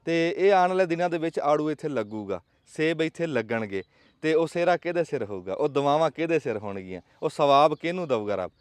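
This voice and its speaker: Studio-quality audio with no room sound captures a slightly high, expressive, smooth male voice moving a little fast. The speaker, a vlog host with a Pakistani Punjabi accent, delivers casual outdoor talk with emphatic, rhetorical, folksy storytelling.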